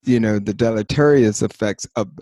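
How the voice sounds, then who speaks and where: A man co-hosting a podcast in casual chat, rambling and animated, with many fillers and restarts. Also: fairly low pitch, moderate pace, no room sound. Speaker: podcast co-host.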